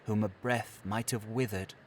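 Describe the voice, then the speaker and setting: An audiobook narrator voicing a gentle, solemn spirit who speaks softly and in a measured way. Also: male voice, fairly low pitch, fairly even intonation, slight background noise, lightly acted. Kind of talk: audiobook character voice.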